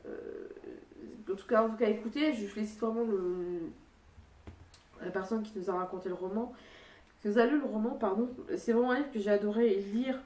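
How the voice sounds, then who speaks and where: An echoey room and a distant microphone frame a young woman reviewing a book casually. Her voice is mid-pitched and nasal, clogged by a stuffy nose. She rambles hesitantly, often restarting her phrases. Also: moderate pace, warm tone. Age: young adult. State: congested blocked nose.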